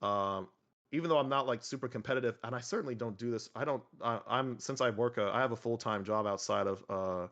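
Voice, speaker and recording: A young man talks as a podcast guest in a mid-pitched voice, rambling with lots of fillers, restarts and sudden bursts of energy. The audio sounds a little dull and lo-fi. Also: a little fast, fairly bright tone. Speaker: podcast guest, miniature painter. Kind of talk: casual conversational interview.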